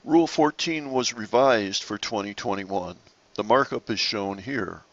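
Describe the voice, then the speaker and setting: Low gravelly guy walking thru sailing rules slides, measured and explanatory, kinda dull lo-fi mic. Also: a bit bright. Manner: measured, explanatory, occasional restarts. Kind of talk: slide-based narrated lesson.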